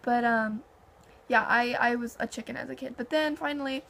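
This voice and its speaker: A woman's voice: on the high side, normal speed, gravelly. A young woman in casual chat, telling stories in a conversational way and acting out quoted dialogue. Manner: animated anecdotes with heavy filler "like" and quoted dialogue.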